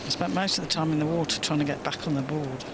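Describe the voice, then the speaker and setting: A man's voice: fairly high pitch, steady tone, fast talker. A man working as a golf commentator, offering casual commentary and banter in brief, informal remarks. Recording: very noisy outdoor broadcast, vehicle ambience.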